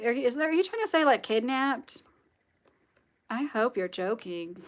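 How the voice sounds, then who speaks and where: A woman from Kentucky, United States, hosts a casual livestream, reading viewer comments and rambling with strong opinions and plenty of "like" and "you know." Her nasal voice is fairly high and animated, at a moderate pace.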